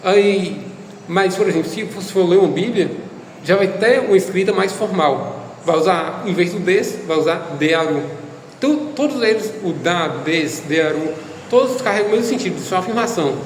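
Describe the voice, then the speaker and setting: Man, high voice, casual language lesson, step-by-step explanations, roomy echo with long reverb. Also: animated, moderate pace, slight background noise. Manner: explains step by step with hesitant fillers. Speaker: Japanese language teacher.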